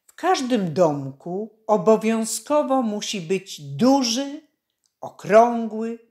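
Give me a woman narrating a children's storybook very slowly, with emphatic rises on key words. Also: mid-range voice. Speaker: actress reading a fairy tale.

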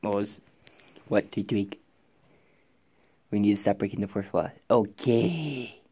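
The voice is on the low side, warm and slightly rough, and it never hurries. It belongs to a young man puppeteering plush toys in an off-the-cuff skit on his bedroom floor and desk indoors, often lowering to a whisper.

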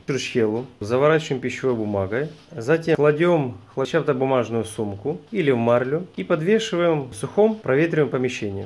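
A man's voice: mid-range voice, a little mellow. Echoey Odesa-accented man narrating a recipe. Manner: folksy, chatty, addresses viewers directly. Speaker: cooking show host. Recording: roomy echo.

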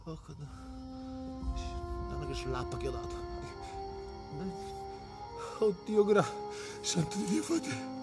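Excitable high-voiced man shouting reactions. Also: slow pace, pauses often. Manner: excitable, exclaiming and swearing. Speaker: comedy host. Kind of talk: comic reaction to a film trailer. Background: trailer music.

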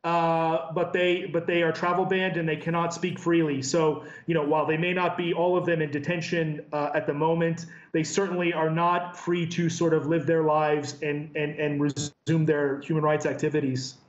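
A man in his thirties speaks on a live remote news link, measured and careful, often pausing on fillers and restarting his sentences. His voice sits a little high and sounds roomy. The remote feed is dull and muffled. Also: level tone. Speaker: human rights researcher. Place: office with a branded backdrop. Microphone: earpiece and camera video link.

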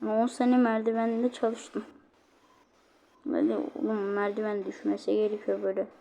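A woman talking through her own game play as a let's-play host, chatty and exclaiming, quickly annoyed when the game goes wrong. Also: mid-range voice, completely flat delivery, creaky, warm tone, slight background noise. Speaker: gaming channel host.

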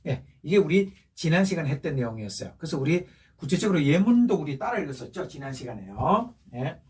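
A man's voice: a little high, sing-song, a little fast, a little mellow, slightly rough, far from the mic. A male teacher giving a patient recorded lesson, going over each point again and checking in with rising questions. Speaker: Chinese language teacher. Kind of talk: recorded classroom lesson for seniors.

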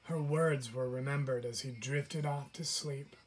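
A man, a teacher, reading a children's picture book aloud to his class in a deliberate, unhurried way. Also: medium pitch, fairly even intonation, soft background music. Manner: slow, deliberate storybook reading.

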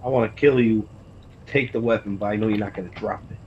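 A man's voice: fairly low pitch, steady tone, fast, dull audio, a little hiss or hum. A man streaming a shooter game, swearing constantly and trash-talking other players in casual chat. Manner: profane, loud trash talk at other players. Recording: loud game gunfire behind voice. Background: loud gunfire and vehicle sounds from the game.

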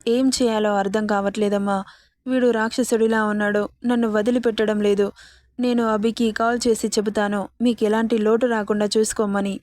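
A woman's voice: mid-range voice, little pitch movement, normal speed, darkish tone, natural voice. A woman voicing a frightened young woman held captive, who pleads and speaks through tears in a storybook reading. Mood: pleading. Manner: pleading, tearful.

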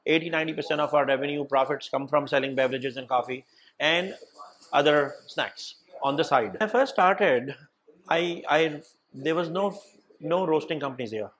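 A man's voice: a little high, normal speed, a bit bright, slight background noise. A middle-aged man from Pakistan, a cafe owner, talking energetically in an interview and mixing Hindi-Urdu with English. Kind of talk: sit-down interview. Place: indoor studio set with dark wall.

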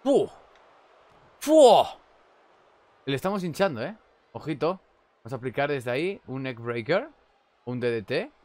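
A young man with a Spanish accent commentating on a wrestling video game. He chats casually and shouts at big moves. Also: medium pitch, lively intonation, moderate pace. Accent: Spain Spanish. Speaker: gameplay commentator.

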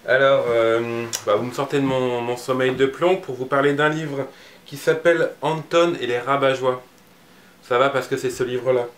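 A man's voice: mid-range voice, steady tone, normal speed, reverberant. A man presenting and reading a picture book aloud, casual and hesitant with many fillers.

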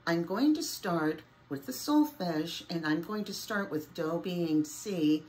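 A woman's voice: lowish voice, animated, slow pace, darkish tone. A woman teaching a music lesson, explaining a name game in a chatty way while getting over a summer cold. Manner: chatty, switches to singing solfege.

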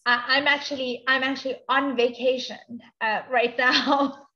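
A woman's voice: sits high, steady tone, moderate pace, pushed and bright, highs cut off. A woman hosting an online panel interview, friendly and affirming toward her guests. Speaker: host.

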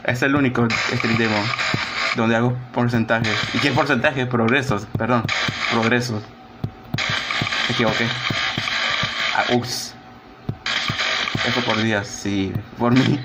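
A man's voice: medium pitch, steady tone, takes it slowly, long pauses, heavy background noise. A young man streaming a game, chatting casually, mocking himself and groaning and sighing as he plays. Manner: chatty, self-mocking, groans and sighs while playing. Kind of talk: casual live-stream gameplay chat.

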